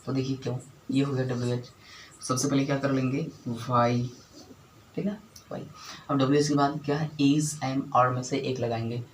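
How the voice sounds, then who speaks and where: A man's voice: mid-range voice, level tone, moderate pace, a little hiss or hum, rough recording. A man teaching an English grammar lesson, who keeps repeating key words and asking the class short questions to check understanding. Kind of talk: spoken English lesson at a whiteboard.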